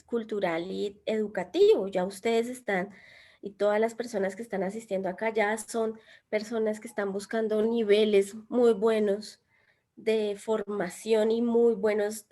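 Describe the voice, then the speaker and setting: A middle-aged woman leads a job-skills workshop. Her voice sits slightly high, and she speaks in an animated, expressive way, often turning questions to the group. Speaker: employability workshop trainer and former recruiter. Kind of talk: lively instructional talk to a class.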